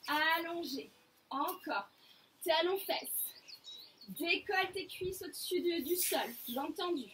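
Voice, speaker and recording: Woman, floor barre teacher, high voice, slow unhurried cues, a bit far from the mic. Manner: calm counting cues, short commands, slow. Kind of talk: instructing an exercise class. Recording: distant mic with faint room noise.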